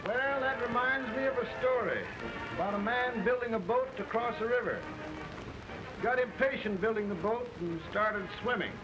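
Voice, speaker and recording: An actor in an early talkie film playing a wry, folksy president with a plain-spoken storytelling manner. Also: male voice, very high voice, normal speed, lo-fi sound. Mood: wry, measured. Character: folksy, wry president telling a homespun parable. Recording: old 1930 film soundtrack with music.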